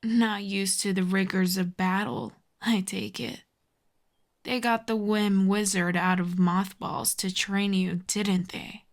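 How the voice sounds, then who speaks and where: A woman voices a sardonic, menacing telepathic villain in an intimate ASMR roleplay monologue, smug and mocking yet secretly intrigued. She lingers over every taunt in a drawn-out delivery, her breathy, medium-pitched voice keeping a level tone and often sinking to a near whisper.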